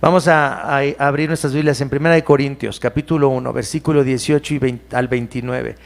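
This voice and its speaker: A pastor with a Mexican Spanish accent delivers a sermon in church, animated and now and then imitating his churchgoers. His voice is mid-range and creaky, and he speaks fairly quickly.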